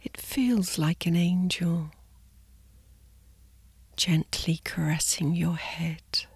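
A woman guiding a sleep meditation in a soft, soothing spa-like whisper, gently and in short, unhurried phrases. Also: lowish voice, fairly even intonation, breathy edge, dry recording. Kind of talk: guided sleep meditation narration.

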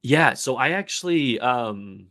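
A man's voice: medium pitch, animated, slow, bright, forceful tone, no room sound, clean studio sound. A man talking as a podcast guest in casual chat, eager and talkative, often restarting his sentences. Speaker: podcast guest, film reviewer.

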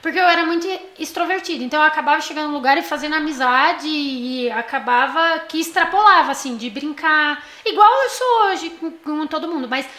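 High, bright Brazilian woman chatting. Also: a little fast, hardly any pauses, reverberant. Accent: Brazilian Portuguese. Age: young adult. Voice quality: high-pitched voice. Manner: talkative, animated, laughs often. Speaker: podcast co-host. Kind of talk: casual chat.

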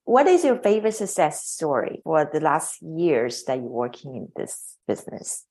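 A woman's voice: sits low, big pitch swings, normal speed, a little mellow. A woman hosting an interview who asks questions and sounds admiring. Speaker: host.

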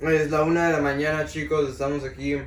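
A man's voice: on the high side, level tone. A young man co-hosting a casual podcast chat, laughing often and slipping into English. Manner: laughing, drawn-out, slips into English. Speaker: podcast co-host. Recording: roomy, distant mic with faint noise.

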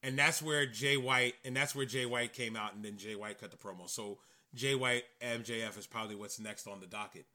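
A man co-hosting a casual wrestling podcast, acting out matches and promos with sudden loud bursts. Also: mid-range voice, steady tone, brisk. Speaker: podcast co-host.

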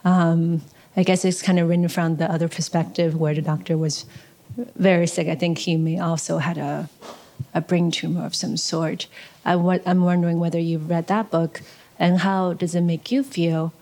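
A woman in the audience asking a question at a live event, hesitant and pausing often. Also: on the low side, little pitch movement, dark tone. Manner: hesitant, with many pauses and fillers.

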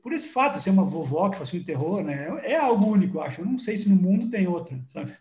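A Brazilian man in a casual interview, rambling and repeating words as he tells animated stories. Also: high voice, fast talker, reverberant, lo-fi sound. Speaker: guest filmmaker.

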